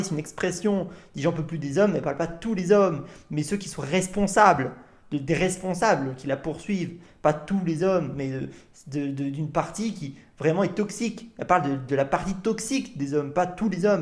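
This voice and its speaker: Reaction host, indignant and repetitive, mid pitch, argues with the clip on screen. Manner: repetitive, indignant, swears a lot.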